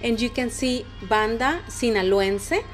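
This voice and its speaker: A woman's voice: fairly high pitch, lively intonation, a little slow, soft background music. A woman with a Mexican Spanish accent, a restaurant co-owner who talks in a casual interview and often restarts her phrases while she searches for English words.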